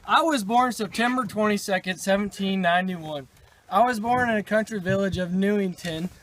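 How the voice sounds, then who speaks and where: A man's voice: high voice, normal speed, fairly bright tone, a little hiss or hum, low-quality recording. A man playing a proud 19th-century chemist for a school project, reciting his life story plainly. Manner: recited, plain self-introduction. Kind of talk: school project role-play.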